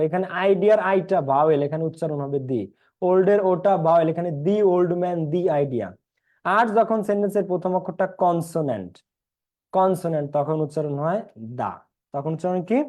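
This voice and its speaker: A man's voice: fairly high pitch, a little mellow. A young man with a Bangladeshi Bengali accent teaching an English class online, repeating points and quizzing his students.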